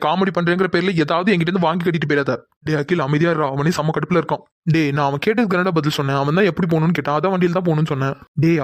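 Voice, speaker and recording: Fast-talking man voicing cartoon friends. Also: a little high, no room sound. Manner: quick, scolding banter. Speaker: voice artist for several young men. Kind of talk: cartoon dialogue.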